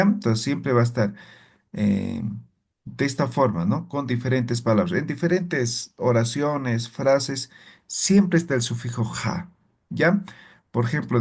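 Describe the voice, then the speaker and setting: A man's voice: medium pitch, animated, a little slow, slightly rough. A man teaching a language class, explaining step by step and checking in with frequent tag questions. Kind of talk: classroom lesson.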